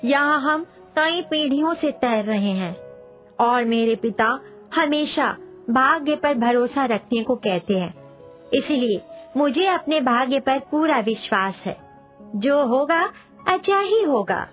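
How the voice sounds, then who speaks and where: A woman voicing a gentle female fish who trusts fate, in a soft, calm, sing-song storybook voice. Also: sits high, takes it slowly, soft background music, full character voice. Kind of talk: storybook role voice.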